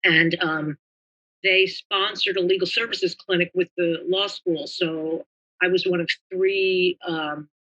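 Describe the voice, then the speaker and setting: A woman's voice: on the low side, steady tone, takes it slowly, fairly bright tone, lo-fi sound. An older woman from New Jersey, a retired government lawyer, reminiscing in a meandering, chatty way as an interview guest.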